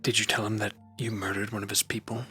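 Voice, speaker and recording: A man's voice: fairly low pitch, flat delivery, fast, pushed and bright, faint music behind. A man voicing a haughty, self-assured student with a dry, superior manner, in character during a tabletop game.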